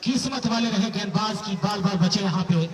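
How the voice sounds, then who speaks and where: A man giving excited, animated cricket commentary over an outdoor public address, with flowery, drawn-out play-by-play calls. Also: high-pitched. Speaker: cricket match commentator and announcer. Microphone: public address microphone. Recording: echoey PA, distant, noisy outdoor crowd.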